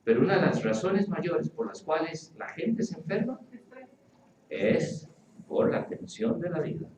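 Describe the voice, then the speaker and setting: A man preaching a sermon in a church, playful and animated, acting out quoted voices as he teaches. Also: a little high, a little slow, roomy sound, distant mic, slight background noise, rough recording. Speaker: pastor. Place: church hall with congregation.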